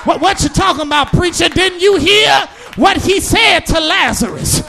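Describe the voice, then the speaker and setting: A man preaching a sermon, shouting in a sing-song cadence and hammering home repeated phrases. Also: very high voice, animated, normal speed, creaky, some chatter behind, slight background noise.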